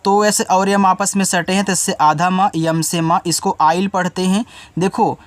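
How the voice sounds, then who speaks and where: A man's voice: fairly even intonation, no room sound. A man teaching an English spelling lesson, patiently spelling each word out letter by letter and repeating each meaning twice. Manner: spells words out letter by letter slowly, then says the word lower and quieter.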